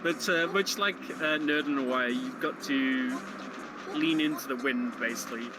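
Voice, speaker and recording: Over background game music, a man explains a speedrun in casual live commentary, hesitant and chuckling as he goes. He speaks at a normal speed with a medium-pitched voice.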